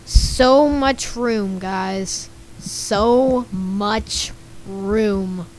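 Speaking extremely slowly in a medium-pitched, somewhat mellow voice with a slight scratch, this young woman YouTuber chats and giggles over her gameplay. She reads on-screen chat out loud and responds to it.

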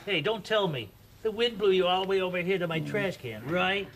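A man voicing a grumpy, protective trash-can grouch with a gruff voice in a children's puppet show. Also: high-pitched, lively intonation, brisk, a bit bright, a little hiss or hum. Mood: grouchy, indignant.

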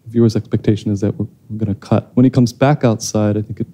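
A thoughtful man in his thirties answers audience questions after a film screening, often restarting his sentences. His voice is very dark and low, with an even, unvaried pitch, heard through a handheld mic on a theater stage. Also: fast talker. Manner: thoughtful, hesitant, many restarts. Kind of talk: post-screening Q&A.

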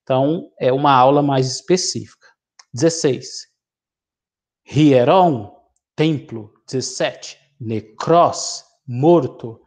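A middle-aged man from Brazil teaching a vocabulary lesson, reading a word list slowly and explaining each entry. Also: medium pitch, darkish tone. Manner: slow, deliberate reading of word lists with explanations. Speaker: Greek teacher.

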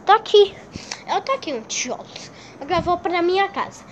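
Her very high-pitched voice has lively intonation and a brisk pace, though the highs are cut off and the background is noisy. She's a Brazilian woman with a Brazilian Portuguese accent, casually vlogging at home as she moves between rooms and the garage, exclaiming dramatically and repeating words for effect.

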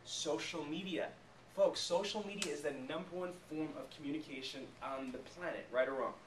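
This thirtysomething man's voice sits on the high side, and he keeps a moderate pace while delivering an emphatic sales training talk. He often stops to put rhetorical check questions to his small group. The recording comes from a camera mic a few metres away in a small flip-chart meeting room, so it's echoey and distant with faint noise.

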